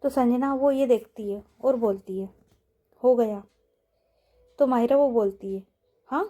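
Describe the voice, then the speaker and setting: A woman's voice: fairly high pitch, normal speed, dark tone. A woman storyteller narrating a romance audio story in a casual, repetitive linking style.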